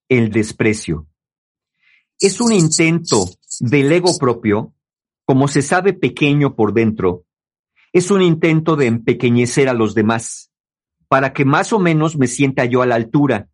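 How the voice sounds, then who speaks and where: A man giving relationship advice to listeners in a conversational talk, often mimicking the people he quotes. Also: a little high.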